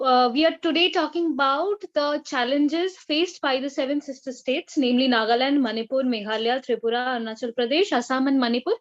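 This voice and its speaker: High-voiced woman on a choppy call. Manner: earnest, halting with many fillers. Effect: choppy audio from a bad connection that keeps cutting out. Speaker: student speaker. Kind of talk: online presentation. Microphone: video call. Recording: dull lo-fi online call audio.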